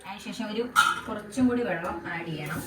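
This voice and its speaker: A woman's voice: mid-range voice, animated, a little fast. A woman chatting casually to her viewers while she cooks at home for her vlog. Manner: chatty, talks straight to viewers as "guys". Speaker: home vlogger. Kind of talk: casual cooking and daily-life vlog. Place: home kitchen. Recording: echoey room, distant mic, background noise.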